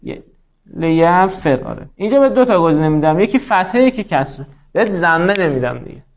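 A man with a high voice teaches a grammar lesson, turning the rules into little conversations with the letters. He slows right down to spell out word forms one by one and to dictate each rule. The recording sounds dull and muffled. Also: very animated, vocal fry. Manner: acts out dialogues with the letters, voicing them in quotes.

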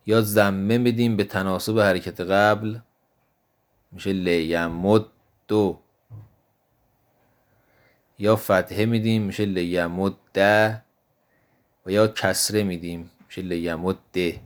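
A male teacher giving a grammar lesson in a slow, measured way, reciting verb forms one by one. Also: fairly low pitch, steady tone.

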